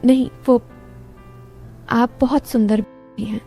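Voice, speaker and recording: Woman reading a shy young male patient, hesitant and bashful, mellow tone. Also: on the high side, steady tone, slow, vocal fry, faint music behind.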